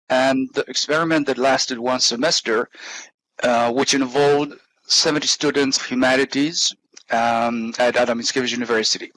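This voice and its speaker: A man with a Polish accent giving an academic conference presentation, haltingly, with frequent throat-clearing and grunting noises. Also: mid-range voice, fairly bright tone, no room sound, rough recording. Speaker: university lecturer, conference speaker. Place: online talk given inside a virtual world.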